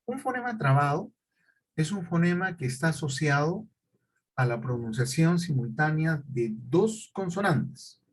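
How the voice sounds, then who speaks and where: Husky-voiced male teacher lecturing. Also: a little high, expressive, measured pace, poor audio. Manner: questioning, repetitive explanations with check-ins. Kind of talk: classroom lecture.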